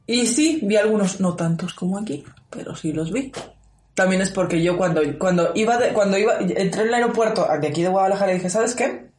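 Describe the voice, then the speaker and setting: A woman's voice: mid-range voice, fairly quick. Chatty woman in an echoey room. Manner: lively storyteller, laughs often. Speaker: guest. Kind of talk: casual interview chat.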